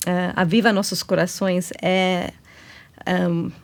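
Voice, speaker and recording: A woman from England, Indian-born and English-raised, speaks Portuguese with a noticeable English accent as a guest on a women's ministry talk show. Her voice sits a little low and her delivery is flat. She explains at length, pausing on fillers and correcting herself as she goes.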